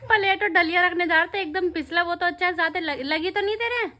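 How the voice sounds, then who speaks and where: Brief: woman family vlogger, very high and bright, chatty, teasing, talks to camera on a phone. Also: quick pace. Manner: chatty, teasing, addresses viewers directly. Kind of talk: casual family vlog chat.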